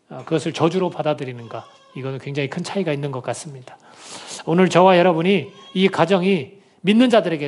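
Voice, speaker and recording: A Korean man delivers a Sunday sermon with his voice pitched a little high. He preaches earnestly and keeps putting rhetorical questions to his congregation. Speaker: pastor.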